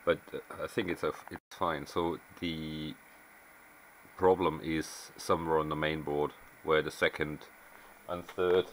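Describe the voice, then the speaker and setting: Over noticeable background noise, a man with a very low yet fairly bright voice presents an unscripted repair walkthrough as an amateur radio repairer, caught on a camera mic at his electronics bench in a small workshop. He speaks matter-of-factly, reasoning aloud as he goes, and the audio quality is poor.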